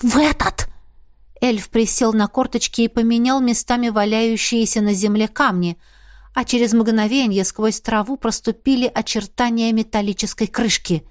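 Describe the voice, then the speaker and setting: A woman narrating a first-person fantasy audiobook in an expressive, breathless way. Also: fairly high pitch, normal speed, dry recording, clean studio sound. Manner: expressive, breathless in tense moments.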